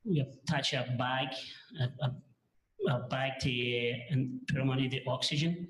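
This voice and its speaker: A man testifying as a paramedic witness, answering in a halting, hesitant, plain-spoken way, heard in a courtroom recording. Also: mid-range voice, fairly bright tone, reverberant, slight background noise, rough recording.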